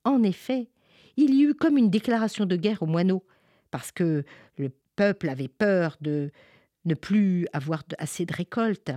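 A woman storyteller with a low voice that swoops up and down as she narrates a folk tale for children. Her delivery is expressive and sing-song, recorded close and dry. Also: measured pace, dry recording.

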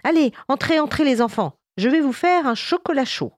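A woman storyteller voicing a kind, gentle middle-aged housewife who speaks softly and coaxingly. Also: high voice, lively intonation, moderate pace, dry recording, clean studio sound, pitched above the performer's own voice.

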